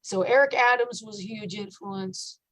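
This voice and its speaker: A low-voiced woman who sings metal chats casually in an interview at a moderate pace. She sounds thoughtful and relaxed, using lots of fillers, and the audio quality is poor.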